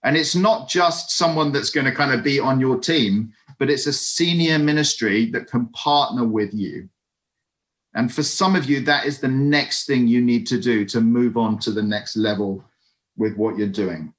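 A man giving a lively, conversational sermon over an online video call, with friendly asides to his listeners. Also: mid-range voice, normal speed. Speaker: preacher.

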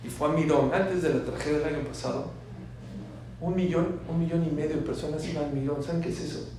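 A man teaching a sermon full of stories, swinging between soft asides and loud emphatic bursts. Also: on the high side, fairly even intonation, fairly quick. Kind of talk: sermon with storytelling. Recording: very echoey room from far off, faint hiss.

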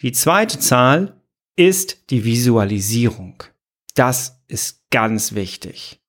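A man's voice: medium pitch, sing-song, takes it slowly, fairly bright tone. Earnest man coaching his listener. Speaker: podcast host. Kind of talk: motivational podcast talk.

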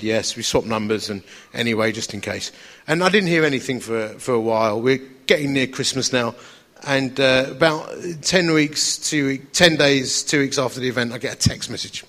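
Speaking in a medium-pitched, fairly bright voice, this Essex-accented man from Essex, England preaches to an audience by telling personal stories. His style is chatty, wry and self-deprecating.

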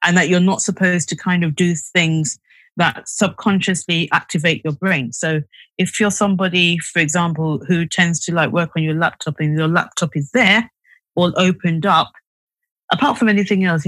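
A woman's voice: lowish voice, steady tone, moderate pace, fairly bright tone, dry recording, poor audio. Podcast guest: woman psychiatrist, chatty explainer, restarts often, dry close sound. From United Kingdom. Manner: explanatory, many fillers and restarts. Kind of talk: podcast interview.

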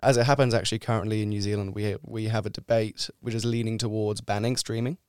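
A young man from France, a guest researcher in a podcast interview, explaining at length in a measured way with small restarts. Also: lowish voice, fairly even intonation, a little mellow, smooth, dry recording, clean studio sound. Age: young adult.

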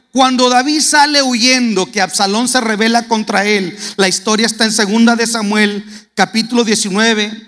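A man's voice: sits high, fairly bright tone. A man preaching a sermon, telling a Bible story dramatically and acting out the characters' lines. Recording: echoey hall reverb.

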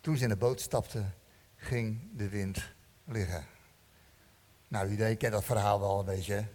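A man preaching a sermon in a church, animated and joking, asking the congregation questions. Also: fairly low pitch, moderate pace. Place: church hall. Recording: long church-hall reverb.

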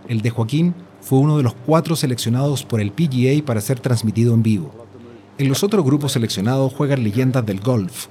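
A man's voice: mid-range voice, dark tone, a little hiss or hum. A man reading a scripted journalistic story as narrator. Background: music.

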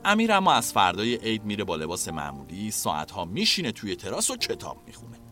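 A man reading a scripted story as narrator in an expressive way. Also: fairly low pitch, faint music behind.

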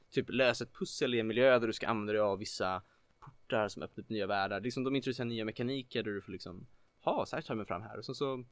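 A man co-hosting a casual chat about video games, rambling with lots of filler words and getting excited. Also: fairly low pitch, no echo. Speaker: podcast co-host.

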